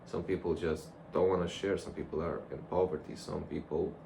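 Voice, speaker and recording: Brisk and level in tone, a young man's low, mellow voice carries a loose, rambling monologue to the camera. The vlogger sounds casual and reflective, and the background noise in the recording is clear.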